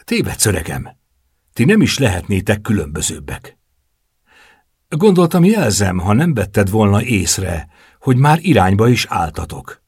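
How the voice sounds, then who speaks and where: A man's voice: on the low side, very animated, a little mellow, slightly rough, no room sound, clean studio sound, heavily acted. A man voicing a brash young womanizer who teases his friend in crude, mocking words. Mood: teasing.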